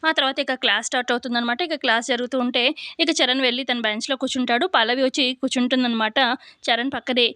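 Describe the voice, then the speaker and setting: A woman's voice: a little high, fairly even intonation, quick pace, sharp tone, smooth, no room sound, clean studio sound. A woman chattily retelling a TV serial episode scene by scene, full of linking fillers.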